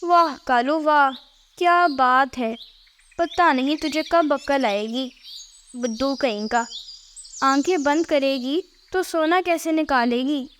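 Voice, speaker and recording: A woman's voice: high voice, slow, fairly bright tone, slight background noise. A woman voicing a scolding, sarcastic female bird thief in a cartoon, drawing out her mockery. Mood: mocking, scolding. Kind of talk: cartoon character voice acting.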